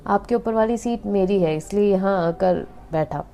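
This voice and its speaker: A man's voice: high voice, moderate pace, gravelly, mellow. Woman voicing a chatty young medical student. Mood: friendly chatty. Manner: chatty, teasing, easygoing. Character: friendly young male medical student on a train.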